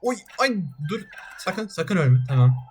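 Excitable man narrating a game, music behind. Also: fairly high pitch, a little slow. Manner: excitable, yelps at near misses. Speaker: gaming channel host. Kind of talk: let's-play game commentary.

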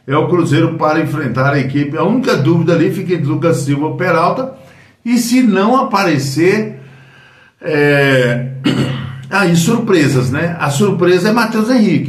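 A man's voice: mid-range voice, distant mic. A man in his fifties with a Brazilian accent, hosting casual football news commentary at home, rambling with fillers and self-corrections. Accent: Brazilian Portuguese. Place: small room at home. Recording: roomy echo, voice a bit off-mic.

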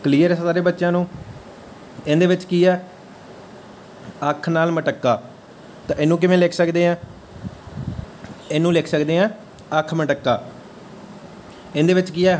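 A man's voice: a little high, slight background noise. Man teaching a grammar lesson. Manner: checks understanding with repeated questions. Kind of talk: exam-prep grammar lecture.

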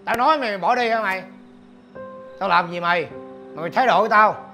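An actor with a Southern Vietnamese accent playing a gruff, hot-tempered middle-aged father who scolds and curses loudly. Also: sits high, fast talker, faint music behind. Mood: furious. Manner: shouting, scolding and cursing. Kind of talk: film acting.

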